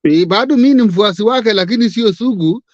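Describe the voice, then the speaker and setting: A man's voice: high voice, fairly quick, a little mellow, no room sound, highs cut off. A Kenyan man talking politics as a guest, emphatic and full of rhetorical questions, switching between English and Swahili. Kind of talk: live-stream political chat.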